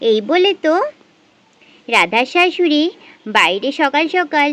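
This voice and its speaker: A woman's voice: high-pitched, very animated, unhurried, a bit bright. A woman narrating a village doll story, speaking directly to her viewers. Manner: addressing viewers as friends, dramatic.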